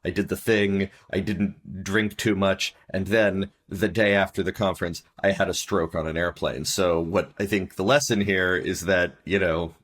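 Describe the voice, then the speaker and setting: A man with a very deep voice chats casually on a podcast with self-mocking, dry humor about himself. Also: steady tone, moderate pace, few pauses, fairly bright tone. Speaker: podcast co-host. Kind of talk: casual chat.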